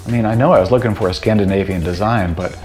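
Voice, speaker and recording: A man's voice: lowish voice, fast, a little mellow. A middle-aged man narrating his home renovation in a chatty, self-deprecating, jokey way, filmed at arm's length in his house. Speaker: home improvement vlogger. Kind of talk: casual DIY narration. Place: house interior, laundry and dining rooms. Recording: echoey room with background music.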